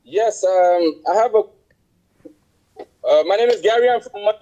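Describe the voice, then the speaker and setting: High-voiced man on a choppy call line. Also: measured pace, dark tone, highs cut off. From Montreal, Canada. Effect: choppy, breaking-up remote call line. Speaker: caller. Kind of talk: call-in question.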